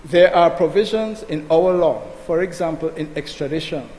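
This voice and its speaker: A man's voice: on the high side, normal speed, a little mellow. A man giving an emphatic, combative speech as a senator in a parliamentary debate, addressing the chair. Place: legislative chamber. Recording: echoey chamber with long reverb, faint noise.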